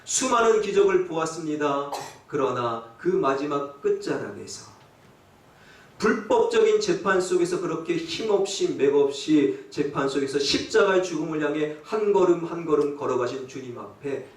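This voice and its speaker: Preaching in an echoey church sanctuary picked up by a distant mic, a male pastor delivers a dramatic sermon at normal speed. His expressive voice sits on the high side, and he poses rhetorical questions and acts out quotes in dialect.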